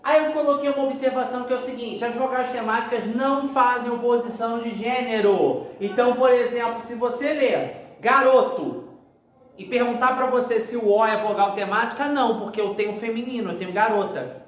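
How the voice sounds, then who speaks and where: A man's voice: very high-pitched, a little fast. A man with a Brazilian Portuguese accent teaching a grammar lesson for exam prep. He explains step by step and keeps checking in with the students. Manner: explanatory, repeats "tá?" to check understanding. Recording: very echoey room, faint ambient noise.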